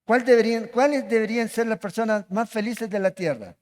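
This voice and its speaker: A man's voice: sits high, brisk. A man preaching a sermon as pastor, asking the congregation questions as he goes. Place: church hall. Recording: long reverb of a church hall.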